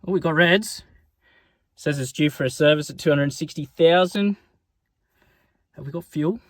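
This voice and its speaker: An Australian man with a slightly high voice talks casually through a car job for his vlog. His speech is laid-back and full of blokey Aussie slang and swearing. The sound is close and dry, with little room on it. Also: moderate pace, no echo. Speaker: car build vlogger. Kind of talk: casual vlog chat while working on a car.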